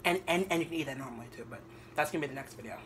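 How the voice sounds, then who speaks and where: A young man talking casually in a home kitchen vlog, rambling with many pauses and ums. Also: medium pitch, background noise. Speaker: vlogger. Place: home kitchen at night, indoors. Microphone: camera on the counter.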